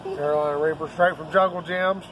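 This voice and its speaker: Man in his thirties, casual host, slightly high voice, outdoor camera, faint street noise. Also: fairly even intonation, fairly quick, muffled recording. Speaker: challenge host. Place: outdoors beside a sided house. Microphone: camera a few steps away.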